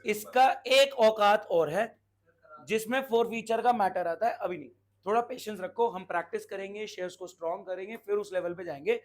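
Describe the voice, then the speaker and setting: A man teaching a commerce class, quizzing and scolding his students as he explains. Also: high-pitched. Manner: brisk, scolding, asks the class questions. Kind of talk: classroom lecture.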